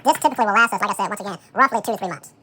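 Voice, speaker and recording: A home cook talking through a how-to while preparing food, relaxed and thinking aloud with frequent fillers, played back as a sped-up chipmunk voice. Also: a little hiss or hum. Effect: sped-up chipmunk voice, high and fast. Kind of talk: casual how-to commentary while working.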